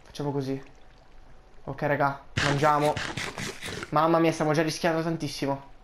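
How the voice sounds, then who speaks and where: Male let's-play host, casual gaming chat, excitable, quick to yelp and shout. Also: on the high side, background noise. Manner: excitable, yelps and cries out when startled; keeps addressing viewers as guys.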